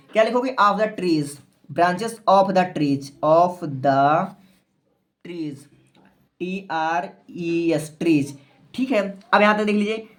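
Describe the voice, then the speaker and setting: A man's voice: sits high, a bit bright. A male teacher giving a spoken grammar lesson to students. He is patient and repeats himself often, spells words out letter by letter, and keeps checking in with the class.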